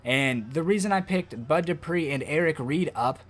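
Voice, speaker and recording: Male gaming host, higher-pitched voice, casual and excitable football game commentary. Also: moderate pace. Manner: excitable, loud outbursts over game plays.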